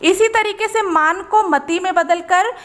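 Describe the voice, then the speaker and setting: A woman teacher giving a grammar lesson, reading word pairs in a measured list and explaining each rule. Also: very high voice. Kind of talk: slow, deliberate grammar lesson.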